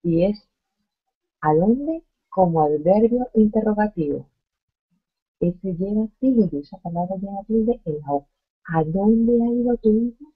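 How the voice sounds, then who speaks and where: Woman, online grammar lesson, slow deliberate explaining, breathy voice, dull lo-fi sound. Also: mid-range voice. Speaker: Spanish teacher.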